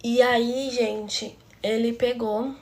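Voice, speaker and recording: Brazilian woman doing storytime, kinda high voice, emotional and confiding, bit of hiss. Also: steady tone, extremely slow, a little mellow. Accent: Brazilian Portuguese. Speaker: storytelling channel host. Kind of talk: storytime vlog narration.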